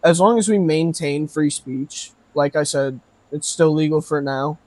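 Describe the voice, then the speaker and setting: Podcast host guy, kinda high voice, rambly chat, swears a lot, dry close mic. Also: a little slow, darkish tone, no echo. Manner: rambling, swears freely, says bro a lot.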